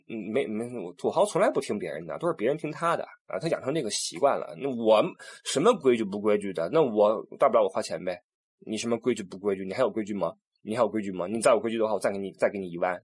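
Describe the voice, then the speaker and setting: A man's voice: mid-range voice, husky. A man, a tour guide telling stories in a casual monologue, with many restarts. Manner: animated, acts out quoted people, many restarts.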